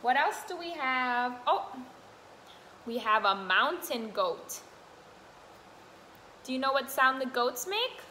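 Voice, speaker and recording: Sitting on the floor of an indoor classroom, a young woman helping with toddlers reads aloud and teaches in sing-song fashion, posing simple questions. Her high voice is very animated, pushed, and bright, and she takes it slowly with long pauses, in a room with echo and faint background noise.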